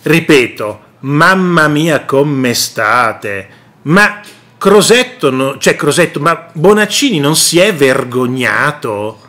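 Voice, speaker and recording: Sarcastic male political commentator, slow drawn-out delivery, rather high voice, swinging pitch. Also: lively intonation, sharp tone. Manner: indignant, sarcastic, repetitive. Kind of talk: opinion vlog monologue.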